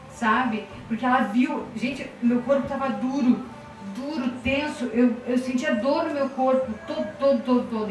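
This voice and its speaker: A woman's voice: on the high side, a little hiss or hum. A young woman with a southern Brazilian accent gives an emotional, conversational church testimony, acting out the dialogue she recounts, then leads a prayer. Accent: southern Brazilian Portuguese. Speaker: church member giving testimony. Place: church hall. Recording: very echoey room, mic far off.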